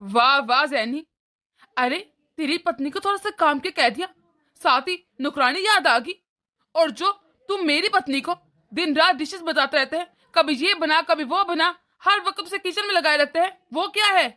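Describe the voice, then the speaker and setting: A woman's voice: high-pitched, moderate pace, sharp tone. A woman voicing an irritable elder son. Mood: arguing. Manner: complaining, argumentative. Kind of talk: cartoon story voice acting.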